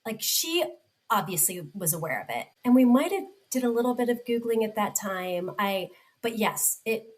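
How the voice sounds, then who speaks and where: A woman's voice: a little high, expressive, normal speed, rough recording. A woman in her forties, a podcast guest, telling a personal story in a heartfelt way with many restarts. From United States. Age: 40s.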